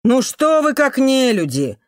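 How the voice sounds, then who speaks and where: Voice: mid-range voice, animated, slow pace, no echo, studio quality, pitched above the performer's own voice. A reader doing a blunt older working man. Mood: indignant. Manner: blunt, loud, coaxing.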